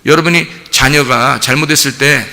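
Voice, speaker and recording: A man's voice: mid-range voice, fairly even intonation, moderate pace, bright, forceful tone, long reverb tail. A male pastor preaching a sermon in a conversational way, repeating phrases for emphasis and acting out a parent calling a child. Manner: laughs now and then as he speaks. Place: church sanctuary.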